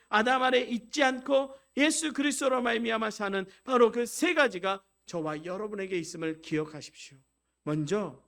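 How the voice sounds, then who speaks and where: A pastor delivering a Sunday sermon in a fairly high male voice. He calls out to the congregation again and again, climbing into loud declarations and then dropping into soft, chatty anecdotes. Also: vocal fry. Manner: swings from loud preaching to quiet storytelling; exhorting, repeatedly addresses the congregation.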